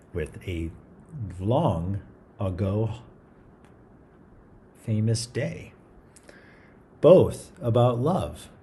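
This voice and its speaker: This show host reads a picture book aloud during story time, his voice on the low side with a dark tone. He keeps it informal and chatty, stumbling slightly now and then and adding asides.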